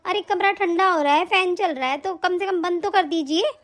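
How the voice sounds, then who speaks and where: Cartoon sister-in-law, sharp-tongued and nagging, very high-pitched, voiced by a woman. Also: normal speed. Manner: nagging, sarcastic taunts. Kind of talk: animated story voice acting.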